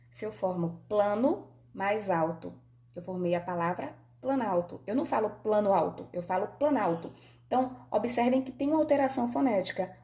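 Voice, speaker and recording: Brazilian woman, video teacher, warm mellow tone, patient step-by-step explainer. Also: medium pitch. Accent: Brazilian Portuguese. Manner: explains patiently, checks in with "certo?". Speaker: Portuguese teacher. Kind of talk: video grammar lesson.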